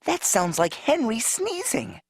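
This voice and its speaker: An actor voicing a friendly, gentle male octopus who speaks cheerfully and patiently. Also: very high voice, wildly swooping pitch, a little slow, creaky, exaggerated voice. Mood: kind. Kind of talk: cartoon voice acting. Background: cartoon music.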